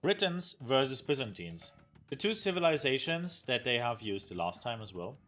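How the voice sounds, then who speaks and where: A man's voice: medium pitch, very animated, normal speed, a bit bright. German-accented man casting a game. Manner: enthusiastic, thanks viewers, searches for words. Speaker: caster. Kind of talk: esports commentary. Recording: faint game music behind.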